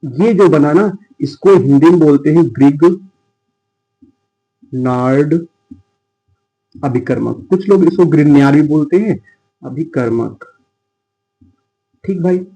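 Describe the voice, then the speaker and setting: A man's voice: a little high, lively intonation, unhurried, mellow, low-quality recording. A man teaching chemistry in a casual, chatty lecture style, talking to students as he writes.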